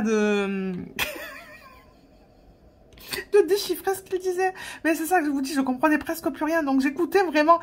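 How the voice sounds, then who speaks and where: A woman with a high voice chats through a story while crafting. She laughs often, and she hesitates and restarts as she talks. She sounds like a relaxed vlogger talking straight to her viewers.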